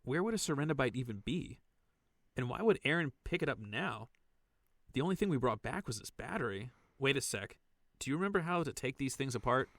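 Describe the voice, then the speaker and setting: A man's voice: mid-range voice, animated, brisk, a bit bright, no room sound, clean studio sound. A man playing a conscientious, cautious and inquisitive salvage worker in a science fiction audio drama. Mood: curious, wary.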